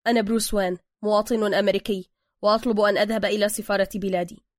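A woman's voice: mid-range voice, steady tone, racing, no echo, clean studio sound, natural voice. A woman voicing an irritated American tourist man who speaks in stiff formal phrases.

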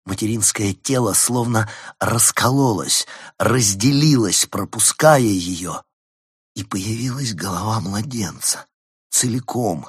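A man reading an audiobook aloud in measured, dramatic scripted narration. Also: lowish voice, fairly bright tone, breathy edge, no room sound, studio quality. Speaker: audiobook reader.

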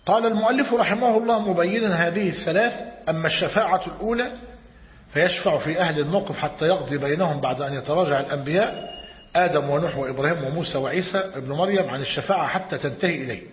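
A man with a rather high voice speaks rapid-fire while teaching a religious lesson on creed, reading a commentary aloud and explaining it. The recording is muffled and lo-fi, made in an echoey hall.

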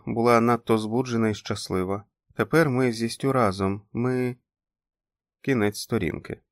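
A man reads a novel aloud in a measured, calm way. His voice sits low. The recording is dry and close, with no room around it. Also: dry recording. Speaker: audiobook narrator. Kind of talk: scripted audiobook narration.

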